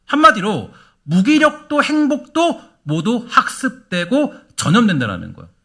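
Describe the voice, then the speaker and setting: A middle-aged male pastor delivering a sermon in a church. His voice sits high and bright, and it rises and falls in wide, lively swings. He drives his points home with repeated words and questions to the congregation. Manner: animated preaching with rhetorical questions and repetition. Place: church sanctuary.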